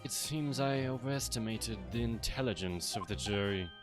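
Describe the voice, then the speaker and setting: A man voicing a haughty, cold prosecutor in a pompous, measured, theatrical way for a video game dub. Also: medium pitch, over music, lightly acted. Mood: disdainful. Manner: pompous, measured, ornate delivery.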